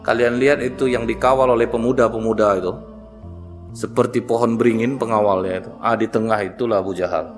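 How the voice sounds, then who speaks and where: A man's voice: on the low side, fairly even intonation, fairly quick, faint music behind. Man preaching a storytelling sermon. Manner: storytelling, humorous, addresses audience directly.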